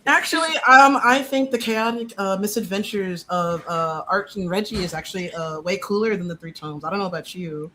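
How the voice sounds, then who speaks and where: A live stream host with a slightly shot voice, hoarse from yelling, chatting casually in a bubbly, slangy, exclamatory way. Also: mid-range voice, a little fast, few pauses, a crowd in the background. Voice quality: voice a little shot and hoarse from too much yelling and talking. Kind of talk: casual chat.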